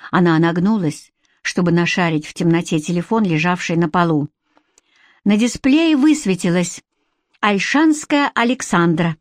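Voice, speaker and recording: A woman reading a novel aloud as an audiobook narrator, with an expressive, lively delivery. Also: lowish voice, normal speed, no room sound, clean studio sound.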